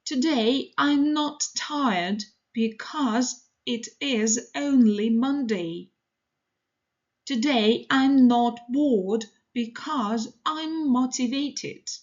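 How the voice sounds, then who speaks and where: A woman teaching English, reading model sentences for learners in a slow, deliberate, evenly paced way. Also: a little high, highs cut off.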